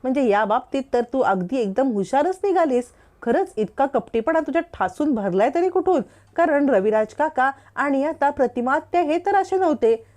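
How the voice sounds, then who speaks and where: A woman's voice: sits high, animated, moderate pace, darkish tone. A woman voicing a mocking young woman plotting with her friend.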